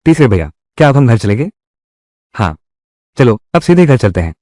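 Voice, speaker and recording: A man's voice: mid-range voice, very animated, moderate pace, warm tone, no echo, clean studio sound. A man narrating a dubbed drama recap and reading every part himself in one voice. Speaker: dubbing narrator. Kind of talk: Hindi drama recap dubbing.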